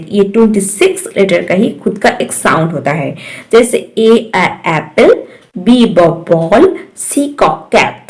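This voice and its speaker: A woman with an Indian accent teaching a phonics lesson to parents, slowly sounding out each letter. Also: medium pitch, darkish tone. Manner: slow, drawn-out sounding of letters.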